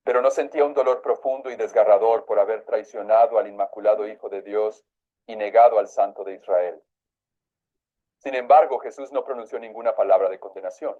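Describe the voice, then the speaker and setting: A man's voice: on the low side, steady tone, brisk, lo-fi sound. A man preaching, reading a religious text aloud and breaking off to comment on it in his own words.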